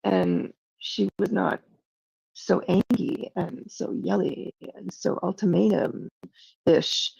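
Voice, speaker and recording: Woman streamer, casual livestream talk, emotional and rambling, dark gravelly tone, dry lo-fi sound. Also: lowish voice, sing-song, slow, no echo. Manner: rambling, emotional, self-doubting; frequent "like" fillers.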